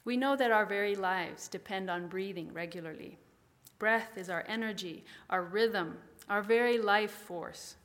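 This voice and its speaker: A woman preaching a calm, measured sermon and guiding listeners through slow breathing exercises. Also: medium pitch. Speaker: pastor.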